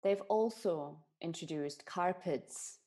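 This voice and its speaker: A German woman gives an earnest, explanatory talk on bias and inclusion as a diversity and inclusion speaker. Her voice is fairly low, warm, and slow.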